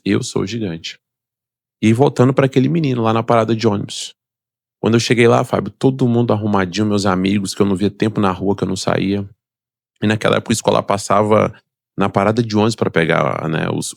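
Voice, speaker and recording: As a podcast guest, a middle-aged man with a Brazilian Portuguese accent recounts his life story quickly and emphatically. His ordinary-pitched voice carries a gravelly rasp, recorded close and dry, and he's motivational, acting out the voices he quotes.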